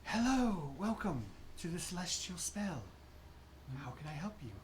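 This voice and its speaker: A man voicing an airy, ethereal star-tattooed fae shopkeeper creature with a soft, distant voice. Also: sits high, big pitch swings, measured pace, crowd noise, voice pushed up. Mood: welcoming. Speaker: game master.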